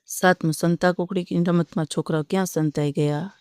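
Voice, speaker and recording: A teacher runs through workbook answers in a level, even voice that barely rises or falls. The tone is smooth and clean, recorded close and dry with no room sound. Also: mid-range voice, brisk, no room sound. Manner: steady, methodical dictation.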